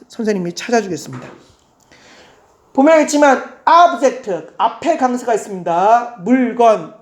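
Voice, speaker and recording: A woman teaching English to exam students, explaining a reading passage in a lively way with rhetorical questions and words read out slowly. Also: mid-range voice. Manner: animated, switches between polite and casual speech, asks rhetorical questions.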